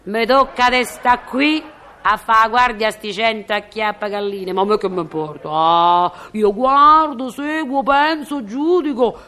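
An actress with a Roman accent playing a nosy, meddling building concierge in a comic phone monologue, chatty and slyly mock-innocent. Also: female voice, on the high side, unhurried, bright, forceful tone. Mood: scheming. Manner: chatty, sly, mock-innocent stirring of trouble. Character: nosy gossiping Roman concierge woman, middle-aged, meddling.

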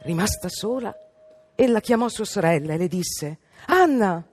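A woman narrating a fairy tale on the radio in an expressive, dramatic way. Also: lowish voice, normal speed, slightly rough, soft background music. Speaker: storyteller.

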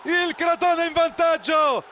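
A man giving live football commentary, calling goals in an excited, breathless way and repeating key phrases. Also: very high-pitched, slow. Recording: dull lo-fi broadcast with clear noise.

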